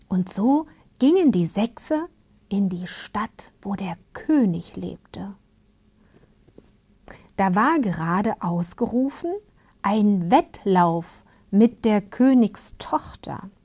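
A woman telling a fairy tale in a hushed, soothing whisper, as a whispered fairy-tale reading. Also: medium pitch. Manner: hushed and soothing, invites listeners to get comfortable. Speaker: storyteller.

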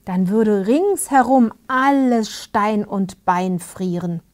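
An odd fairy-tale stranger, whispered by a woman, mild and matter-of-fact. It is slow and hushed, a whispered role-play. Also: mid-range voice, expressive. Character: odd male stranger whose hat brings frost.

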